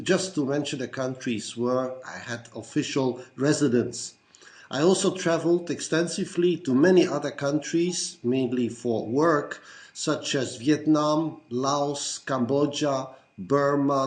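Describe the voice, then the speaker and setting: Older Belgian man, measured self-introduction. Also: medium pitch, a little mellow. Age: 60s. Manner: measured, lists things one by one with frequent "uh" fillers. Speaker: Rotarian introducing himself. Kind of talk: recorded self-introduction to fellow club members.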